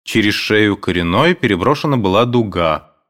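A man narrating an audiobook of classic prose in a measured, expressive way. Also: on the low side.

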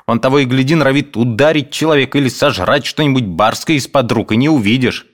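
A man voicing a sharp-tongued woman housekeeper who scolds and snaps. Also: medium pitch, fast talker, voice pushed up, natural voice. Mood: scolding. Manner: scolding, snapping.

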